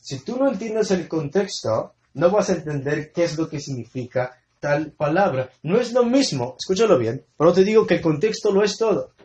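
The preacher, a man with an expressive, high-leaning voice and darkish tone, talks at normal speed with few pauses. His Bible study sermon is emphatic, repeating key words and quizzing the congregation with fill-in-the-blank questions. The lo-fi recording carries an echoey room sound.

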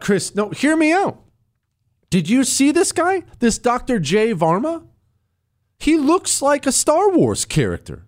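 A man's voice: mid-range voice, a little mellow. A middle-aged man hosting a radio talk show in a conversational comic monologue, emphatic and mock-indignant, repeating himself for effect.

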